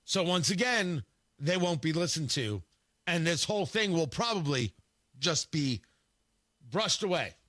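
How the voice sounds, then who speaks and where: Male talk radio host, high and bright-toned, combative and scornful, opinion monologue. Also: lively intonation, unhurried, pauses often. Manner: combative and scornful, with frequent restarts.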